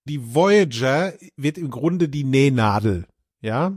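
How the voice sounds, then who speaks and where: A man's voice: medium pitch, animated, slow, a little mellow, dry recording, studio quality. A man co-hosting a podcast, recapping an episode in casual chat with playful, ironic asides. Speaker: podcast co-host.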